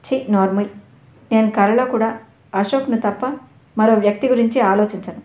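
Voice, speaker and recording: A woman voicing a frightened but defiant young married woman who shouts back in fear and anger, in an audio novel. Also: medium pitch, moderate pace, natural voice. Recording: echoey room.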